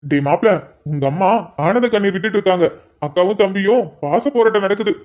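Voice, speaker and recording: Cartoon role: quick, teasing young guy friend, voiced by a woman, muffled lo-fi audio. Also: medium pitch, natural voice. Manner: teasing, chatty. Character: cheeky young male friend. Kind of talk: cartoon drama voice acting.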